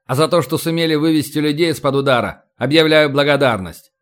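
Мужик читает сурового капитана, рубленые приказы, голос ровный. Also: male voice, a little high, fast, close to an everyday voice. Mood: stern. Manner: clipped commanding orders. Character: stern middle-aged male navy captain.

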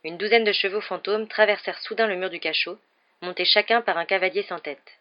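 A woman reads a storybook aloud in a calm, steady voice at an everyday pitch. The recording sounds dull and somewhat lo-fi. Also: brisk. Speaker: storybook reader. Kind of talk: reading a novel aloud.

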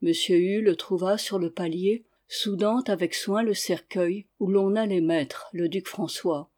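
Measured audiobook narrator. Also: medium pitch, darkish tone. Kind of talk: scripted narration of a historical novel.

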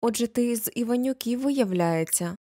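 A woman's voice: a little high, normal speed, warm tone, dry recording, studio quality, voice pushed up, lightly acted. A woman voicing an unfriendly teenage village boy who speaks in warnings and ominous hints, in an audiobook. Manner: secretive, warning tone.

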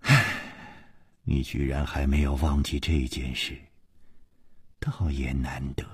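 A man's voice: low voice, steady tone, warm tone, no echo, clean studio sound. A man voicing a cold male schemer who sneers and stammers when cornered. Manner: cold sneers turning halting.

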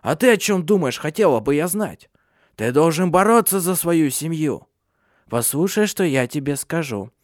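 A male performer gives an audiobook character voice for an old, ancient, bedridden witch who scolds sharply and scornfully, in an imperious manner. His pitch sits a little high, above his own voice but close to an everyday one, with lively intonation at a moderate pace. The recording is dry and clean, studio quality.

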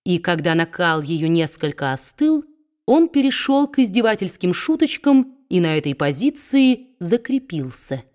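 A woman narrating a classic novel as an audiobook reader, in measured, expressive storytelling. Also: lowish voice.

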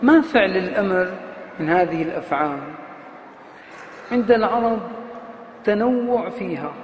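A man's voice: high voice, expressive, a little hiss or hum. Man lecturing on grammar, echoing hall. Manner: repeats and chants example words slowly, stressing each syllable. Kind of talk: classical Arabic grammar lesson. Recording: roomy hall echo, faint ambience.

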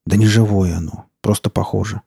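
A man voicing a gruff, grim older forest stalker who gives curt orders, in an audiobook. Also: on the low side, fairly even intonation, a little fast, dark tone, no room sound, clean studio sound. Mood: gruff, stern. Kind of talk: audiobook character voice.

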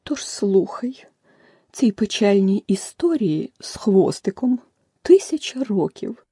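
A woman's voice: fairly low pitch, animated, dark tone, husky, no echo, studio quality. A woman doing a touchy, offended mouse. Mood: solemn. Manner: slow, drawn-out, indignant.

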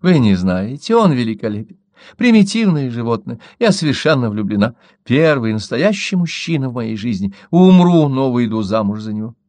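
A man's voice: mid-range voice, sing-song, normal speed, darkish tone, no room sound, lightly acted. A man voicing a giddy, infatuated young woman who gushes breathlessly, in a storybook reading. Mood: gushing. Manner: breathless and gushing.

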